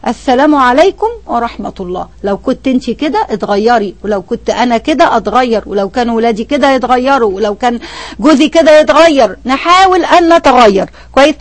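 A woman's voice: sits high, no echo. An older woman with an Egyptian Arabic accent giving a religious lesson to women, emphatic and full of rhetorical questions aimed straight at her listeners. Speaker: religious teacher.

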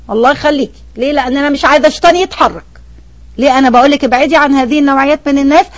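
A woman's voice: sits high, no echo. An older woman with an Egyptian Arabic accent giving a religious lesson to women, emphatic and full of rhetorical questions aimed straight at her listeners. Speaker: religious teacher.

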